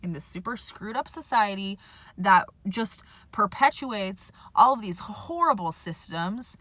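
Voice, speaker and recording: A woman's voice: medium pitch, animated, a little slow, sharp tone, dry recording. A young woman talking in a casual personal vlog, speaking passionately and saying "like" a lot, from a parking lot. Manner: impassioned, heavy use of "like". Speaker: vlogger.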